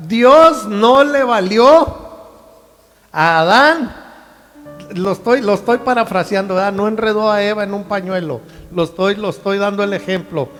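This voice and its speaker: A man with a strikingly high voice preaching a sermon in a relaxed, conversational way. He keeps asking the congregation whether they follow him. His voice rings with the long reverb of a large hall, and faint music plays underneath. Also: normal speed. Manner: conversational preaching with many rhetorical questions. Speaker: pastor.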